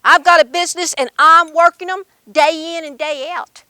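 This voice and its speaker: A woman storyteller puts on a hearty businessman from a mountain folk tale. He is brisk and emphatic, with a bright, high-set voice and an Appalachian accent. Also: steady tone, no echo, studio quality. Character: brisk male boss offering round-the-clock shift work.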